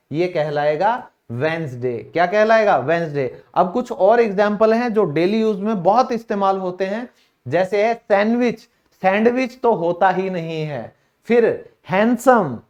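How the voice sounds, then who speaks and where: Indian male English teacher, higher voice, casual lesson delivery, poses questions then answers them. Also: darkish tone, lo-fi sound. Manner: casual and direct, calls listeners brother. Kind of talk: classroom-style lesson.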